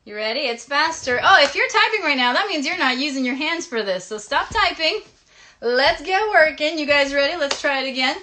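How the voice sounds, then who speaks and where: With a high, expressive voice and a slightly fast pace, a woman leads children through an interactive live play session, encouraging them directly as she teaches and sings a hand game. The stream is noisy and clicky.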